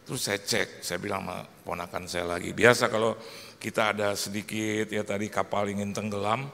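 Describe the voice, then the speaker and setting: A man's voice: fairly low pitch, little pitch movement, a little fast, gravelly, sharp tone. A man, a pastor, preaching a sermon and telling a comic story, acting out the other people in it with voices. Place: church hall. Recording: long echo of a large hall, faint noise.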